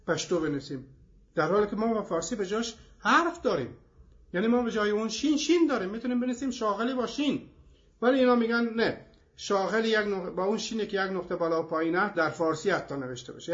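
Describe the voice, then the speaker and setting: A man's voice: high-pitched, a bit bright. A man hosting a language programme, giving an explanatory lecture in a methodical way with many examples. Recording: dull lo-fi recording.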